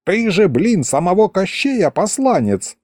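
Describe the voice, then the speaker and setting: A folksy old village grandfather who rambles and teases in quaint rustic speech, played by a man reading an audiobook. The voice sits high and leaps about a lot. Each line is drawn out slow over a mellow tone. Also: very animated, dry recording, clean studio sound, full character voice. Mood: fussy, rambling.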